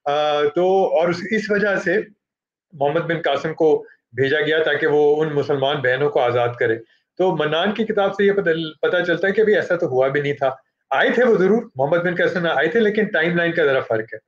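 A middle-aged Pakistani man with a fairly high voice moderates a book launch and introduces the author. He speaks haltingly, with frequent fillers and switches into English, and the highs are cut off.

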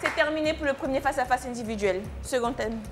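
A woman's voice: sits high, quick pace, a loud crowd. A woman co-hosting a TV game show in a studio, announcing the scores and echoing the host. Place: TV studio set. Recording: loud music playing behind. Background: music.

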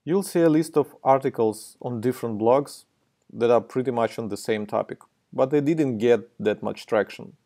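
A man's voice: medium pitch, normal speed, mellow. A man with a Russian accent hosting a marketing tutorial, explaining steps in a friendly, plain way. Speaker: host of a marketing tutorial video.

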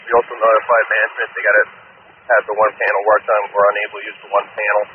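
A man, a fire officer, giving brisk, clipped reports over firefighter radio. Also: on the low side, level tone. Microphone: two-way radio. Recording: tinny two-way radio with faint noise.

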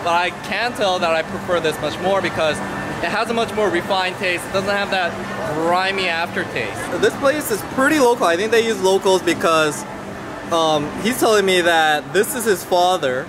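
A man in his thirties vlogging casually while walking through an indoor mall food market, filming at arm's length and talking excitedly with many fillers and restarts. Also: high voice, normal speed, background noise. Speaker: travel vlogger host. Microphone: handheld camera at arm's length.

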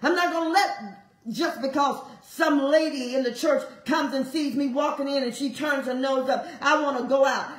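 A woman preaching a sermon, urging listeners with fervent, repetitive exhortation and sudden leaps in pitch. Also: normal speed, reverberant, rough recording.

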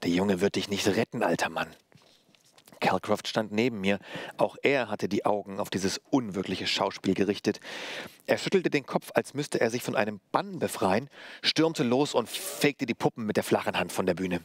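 A male author reading aloud from his novel in a measured, steady way, then explaining the story. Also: fairly low pitch, no echo. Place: library reading.

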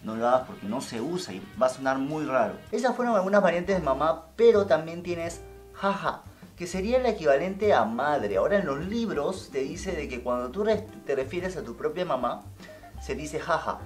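A man who teaches Japanese in a casual online lesson. He is playful and jokey, and he repeats words slowly to drill them. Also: on the high side, expressive, soft background music.

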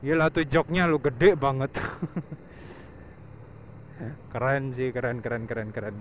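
A man's voice: mid-range voice, steady tone, a little slow. A young man on a motorcycle, chatting casually to the camera as he rides, laughing often and talking about himself in the third person. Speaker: motovlogger. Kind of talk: casual riding commentary. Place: on a motorcycle on an open road outdoors. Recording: faint wind and traffic noise.

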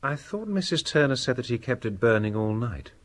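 An actor playing a reserved, courteous scholarly houseguest in a radio drama, speaking formally. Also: male voice, medium pitch, sing-song, fairly quick, lightly acted.

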